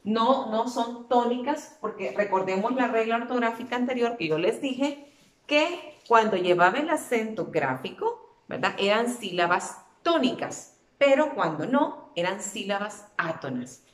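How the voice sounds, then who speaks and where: Slow, patient woman teacher, echoey room. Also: fairly high pitch, animated. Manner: patient, drawn-out repetition of words. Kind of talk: classroom spelling lesson.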